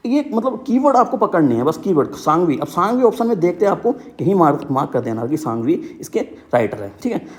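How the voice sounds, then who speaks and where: A man's voice: a little high, big pitch swings, a little fast, hardly any pauses. A young man teaching exam book lists in a casual, repetitive way, with memory tricks and frequent check-ins. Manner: repetitive, keeps saying "ठीक है".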